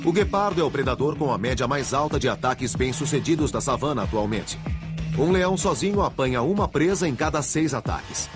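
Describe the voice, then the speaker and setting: A man's voice: mid-range voice, expressive, brisk. A man with a Brazilian accent reading scripted, dramatic documentary narration. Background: music bed.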